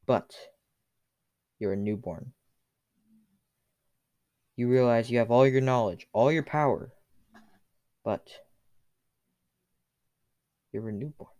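A man's voice: medium pitch, slow pace, long pauses, a little mellow, no echo. A man telling a second-person story in a casual, unscripted way, with fillers.

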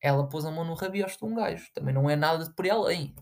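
A man's voice: a little high, very fast, gravelly, a little mellow. A young man with a European Portuguese accent, ranting casually to his viewers in a rambling, sarcastic way full of fillers. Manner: sarcastic, with big jumps into mocking voices. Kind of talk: casual rant to camera.

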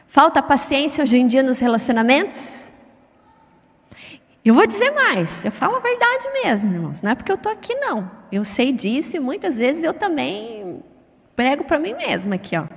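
High-voiced woman preaching in a hall. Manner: lively, chatty, wide swings in pitch and loudness; self-described fast-paced. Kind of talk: sermon. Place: church hall. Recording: long hall reverb.

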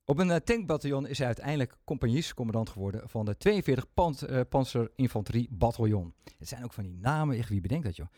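A man's voice: medium pitch, expressive, quick pace, few pauses, mellow, no room sound. A man hosting a podcast, talking chattily with self-mocking humor into a microphone. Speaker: podcast host. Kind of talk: casual podcast talk.

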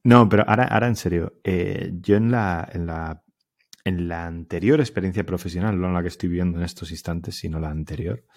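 A man from Spain with a very low, deep voice co-hosts a podcast in his thirties. He wanders through an anecdote in a relaxed way, full of fillers and restarts. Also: brisk, creaky. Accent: Spanish from Spain. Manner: rambling, easygoing storytelling with fillers. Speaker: podcast co-host. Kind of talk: casual chat.

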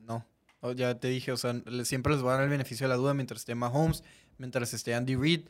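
A man's voice: medium pitch, steady tone, quick pace. A man with a Mexican accent giving casual, blunt sports analysis as a panelist, using slang.

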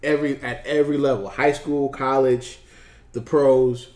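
A man's voice: mid-range voice, normal speed. Earnest man in an echoey room. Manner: earnest, advice-giving, relaxed slang. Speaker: podcast co-host. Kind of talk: casual podcast chat. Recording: roomy echo.

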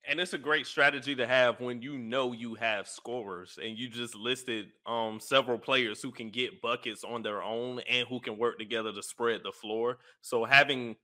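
A man's voice: medium pitch, fairly even intonation, normal speed, hardly any pauses, sharp tone. A man co-hosting a sports talk show, giving blunt, opinionated takes on basketball in slangy casual speech. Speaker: sports podcast co-host.

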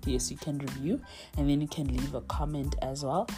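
Young woman, low mellow voice, chatty podcast host, faint music behind. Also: steady tone, normal speed. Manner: chatty, heartfelt, many fillers and "you know"s. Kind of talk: casual encouraging monologue.

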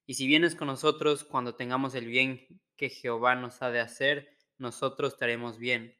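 Man, earnest, Bible reading, crisp voice. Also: medium pitch, flat delivery, normal speed, bright, forceful tone. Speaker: co-host and preacher. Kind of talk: casual chat and Bible reading.

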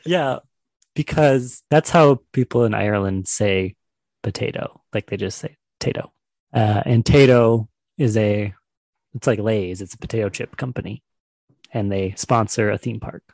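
A man's voice: fairly low pitch, unhurried, darkish tone, no room sound. A man co-hosting a podcast and running a quiz game, chatty and enthusiastic, laughing often. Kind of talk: casual chat.

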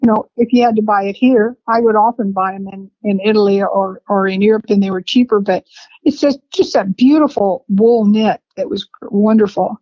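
A woman in her seventies telling family memories in a rambling, unhurried way with laughs between stories. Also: mid-range voice, steady tone, mellow, dry recording. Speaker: interviewee, family matriarch. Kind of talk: reminiscing conversation. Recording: dry, slightly dull lo-fi sound.

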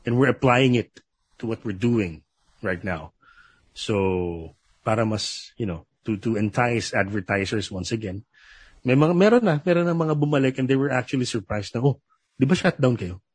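Husky Filipino man radio DJ. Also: mid-range voice, expressive, no room sound. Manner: halting, many fillers and restarts, then polished radio announcer delivery. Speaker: radio DJ guest. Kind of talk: casual interview mixing English and Filipino.

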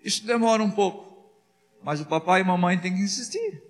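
A man's voice: high voice, brisk, in a large hall. A man preaching as a pastor, asking the congregation rhetorical questions and acting out little dialogues. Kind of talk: sermon.

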